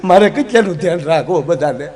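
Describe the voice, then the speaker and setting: A nagging, fed-up middle-aged wife, put on by a male comic storyteller scolds in rough dialect. The voice stays high and sharp with complaint. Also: animated, fast, close to an everyday voice. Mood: exasperated.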